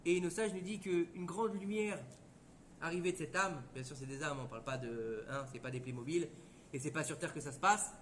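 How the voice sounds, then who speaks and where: A man teaching a Torah lesson as a lively story, acting out the voices. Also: a little high, a little fast, slight background noise. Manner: lively, conversational, acts out voices.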